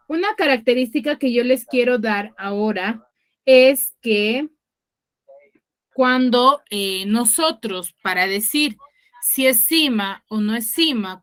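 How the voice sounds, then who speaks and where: A woman's voice: on the high side, fairly bright tone. A woman teaching an online class, quizzing her students and explaining step by step with patience. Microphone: video call.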